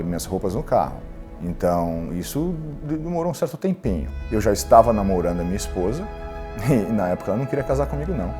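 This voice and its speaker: Brazilian man telling his life story. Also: low-pitched. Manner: candid, animated, quotes others in dialogue. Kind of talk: personal storytelling in an interview.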